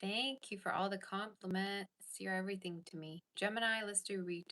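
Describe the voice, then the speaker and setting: Speaking at a medium pitch and moderate pace, a woman with a sharp tone does a relaxed tarot reading for viewers. She keeps up a chatty flow, reading out live chat comments and answering them.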